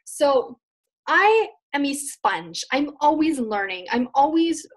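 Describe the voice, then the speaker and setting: A woman's voice: high voice, very animated, takes it slowly. Chatty earnest woman teaching a webinar. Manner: chatty, earnest, loose and repetitive phrasing. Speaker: business coach presenting a webinar.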